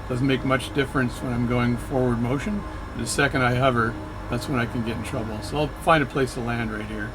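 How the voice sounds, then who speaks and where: Hardly pausing, a flight sim video creator narrates briskly in a mid-range voice with fairly even intonation. His casual commentary on the session wanders, and he often corrects himself mid-sentence. Noise is present in the background.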